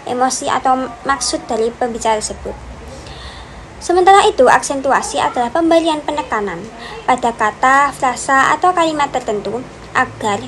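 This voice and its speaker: A woman's voice: high voice, low-quality recording. A young woman giving a class presentation, reading steadily through numbered points. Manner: steady listing with repeated "dan yang kedua" connectors. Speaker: student presenter. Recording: faint background noise.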